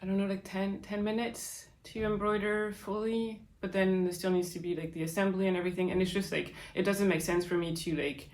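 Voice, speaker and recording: A young Frenchwoman hosts a podcast, answering listener questions in a chatty, casual way full of fillers and "likes," with a French accent. Her mid-range, slightly mellow voice stays level and runs a little fast with hardly any pauses. The recording has a roomy echo.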